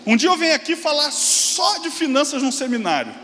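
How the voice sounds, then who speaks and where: A pastor in his forties delivers a sermon in a very high, lively voice, leaping into excited exclamations and dropping into quick asides. A long reverb fills the large church hall over a faint hum of room noise.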